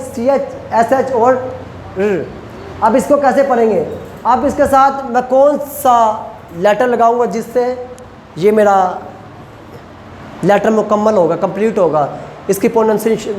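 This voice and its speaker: A male lecturer who teaches Chinese pronunciation, repeats syllables slowly and quizzes his students. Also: very high-pitched, darkish tone. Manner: asks students questions. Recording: echoey room, faint ambient noise.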